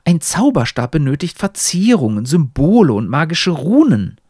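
A man's voice: on the high side, big pitch swings, normal speed, darkish tone, husky, dry recording, studio quality, pitched above the performer's own voice. A man voicing a pompous, lecturing old talking hat with a stilted, old-fashioned way of speaking.

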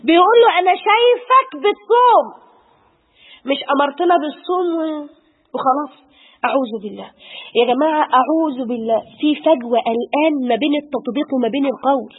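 Fast, fervent Egyptian woman preacher. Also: high voice. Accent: Egyptian Arabic. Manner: fervent, frequent pious exclamations. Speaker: religious teacher. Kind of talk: Islamic lesson. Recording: tinny phone-like audio.

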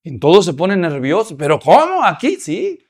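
Animated, high-voiced male preacher. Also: moderate pace, breathy edge. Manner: animated, acts out scenes with humor. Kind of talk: sermon.

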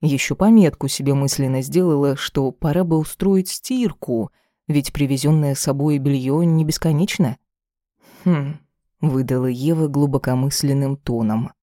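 A narrator giving an even, measured reading of a fantasy novel as an audiobook. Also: medium pitch, dry recording, studio quality.

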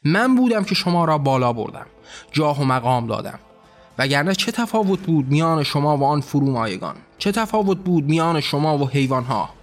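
A raging, tyrannical god rants and roars threats at his court, as a man puts him on. The voice sits somewhat high, and soft music plays beneath it. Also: very animated. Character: wrathful tyrannical male god ruler.

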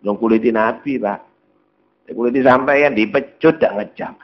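A man's voice: medium pitch, normal speed, slight background noise. A man preaching a storytelling sermon, slipping into dialogue as he retells a scene. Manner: storytelling sermon, mixing Javanese words into Indonesian, acting out dialogue. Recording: dull lo-fi recording.

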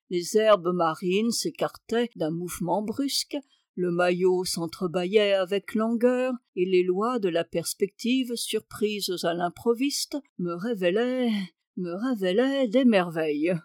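A woman reading a literary novel aloud with measured, wry storytelling. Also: mid-range voice, darkish tone, no room sound, studio quality. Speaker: audiobook reader. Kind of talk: literary narration.

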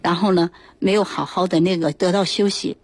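Husky-voiced woman doctor on radio. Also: fairly low pitch, steady tone, a little fast, a little mellow, no echo. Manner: hesitant, many fillers like "那个". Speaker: throat doctor, guest expert. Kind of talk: explaining in a radio interview. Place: radio studio. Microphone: studio microphone.

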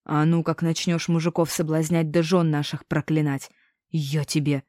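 Woman doing a gruff scolding village man. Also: sits low, flat delivery, normal speed, dry recording, studio quality, natural voice. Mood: threatening. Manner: rough, scolding, shouting threats.

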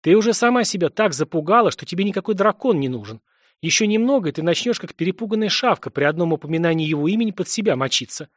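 A stern older woman who gives orders and cuts off every objection, as a male audiobook reader puts her on. Her delivery is clipped and ironic, a little higher than plain talk. The sound is close and dry. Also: expressive, fast, no echo. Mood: commanding. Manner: curt, bossy, dryly ironic.

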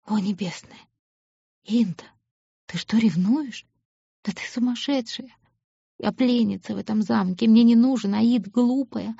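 A woman voicing a defiant, sharp-tongued young captive woman in an audiobook. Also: on the high side, unhurried, creaky, pauses often, slightly rough, dry recording, dull audio, exaggerated voice. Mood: furious. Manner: blunt, scornful.

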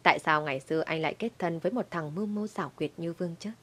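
A woman narrating a dramatic audio story in a lively storytelling manner. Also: sits low, fast.

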